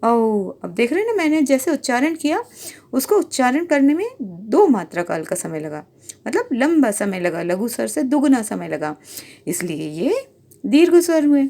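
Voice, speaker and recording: A woman's voice: high voice, sing-song, normal speed, dark tone. A woman teacher giving a grammar lesson, explaining patiently, repeating points and drawing out example sounds.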